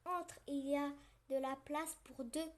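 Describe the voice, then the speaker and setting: A woman reading a children's story aloud, gentle and playful with snoring sound effects. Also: high voice, steady tone, measured pace.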